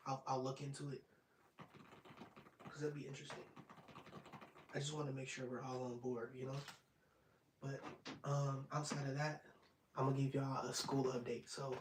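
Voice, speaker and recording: A man of twenty-five hosting an ASMR live stream, chatting casually and rambling, sometimes dropping into soft whispers. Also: mid-range voice, distant mic. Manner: rambling and relaxed, drops into soft whispers at times. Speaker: ASMR channel host. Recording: roomy, off-mic sound with faint noise.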